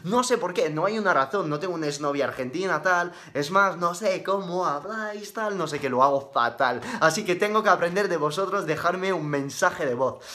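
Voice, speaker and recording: A man's voice: sits high, expressive, normal speed, hardly any pauses, sharp tone. A man with a Spain Spanish accent hosting a casual live-stream Q&A, chatty and upbeat, tossing in slang like bro. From Madrid, Spain. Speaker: fitness live-stream host.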